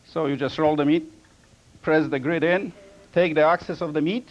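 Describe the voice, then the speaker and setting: A man demonstrating his own product on live TV, with halting, non-native phrasing. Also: a little high, steady tone. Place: TV studio kitchen set. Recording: dull lo-fi TV audio.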